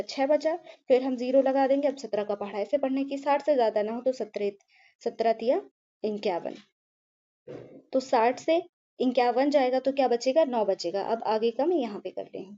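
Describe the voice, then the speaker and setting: High-voiced woman teaching a patient maths lesson. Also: normal speed, mellow, highs cut off. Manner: patient, repeats "ठीक है" and asks herself questions.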